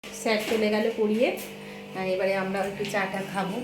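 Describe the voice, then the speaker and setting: A woman's voice: mid-range voice, flat delivery, a little fast, over music. A woman in her thirties with a West Bengal accent, chatting casually to viewers while going about her day at home. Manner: chatty, talks to viewers directly. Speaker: vlogger. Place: home kitchen and rooms. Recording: echoey room with household noise.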